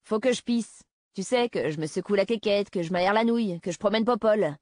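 A woman's voice: brisk, a little mellow, no echo, clean studio sound, natural voice. A woman voicing a cocky, crude teenage boy in an audiobook reading, brash and vulgar. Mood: crude casual. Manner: brash and vulgar, later shrill pleading.

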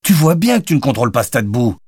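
A man reading an audiobook, voicing an exasperated, bossy father who scolds in a raised, brisk voice. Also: on the low side, lively intonation, darkish tone, husky, dry recording, studio quality, voice pushed up.

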